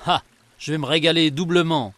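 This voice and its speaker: A man's voice: on the high side, fairly even intonation, a little fast, fairly bright tone, voice pushed up, close to an everyday voice. A man voicing a huge, greedy and cowardly forest ogre in a storybook reading. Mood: gloating. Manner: blustering, then whimpering.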